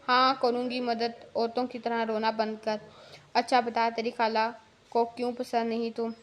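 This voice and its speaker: A woman voicing a bold, sharp-tongued young woman who teases and scolds her friend, reading a story aloud. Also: on the high side, flat delivery, a little slow, lightly acted. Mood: scolding. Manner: scolding, mocking, blunt.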